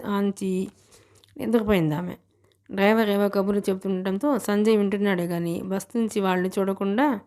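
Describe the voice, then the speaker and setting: A woman narrating a novel as an audiobook, in a plain, even storytelling voice. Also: mid-range voice. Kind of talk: scripted narration.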